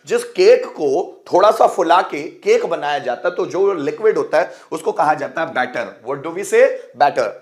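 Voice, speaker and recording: Male tutor, high voice, quizzes each word back, spells terms out slowly, friendly teacher. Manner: repeats each word with a quiz-style question; spells words out letter by letter slowly. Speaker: English teacher. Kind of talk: bilingual vocabulary lesson.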